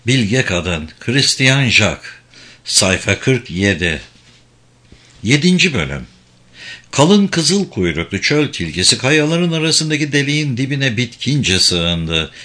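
Measured male audiobook narrator. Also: mid-range voice, big pitch swings, pushed and bright. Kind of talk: scripted narration.

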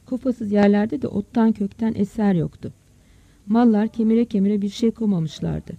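A narrator reading a village story aloud as an audiobook in a steady storytelling manner. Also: mid-range voice, creaky, breathy edge, dry recording. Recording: dull, dry close recording.

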